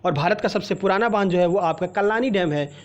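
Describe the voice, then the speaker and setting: A man with a high voice runs an exam-prep quiz lesson, reading each question and its options before walking the viewer through the answer. He talks to the listener directly and repeats key points. The recording sounds muffled and lo-fi. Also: quick pace. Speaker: quiz teacher.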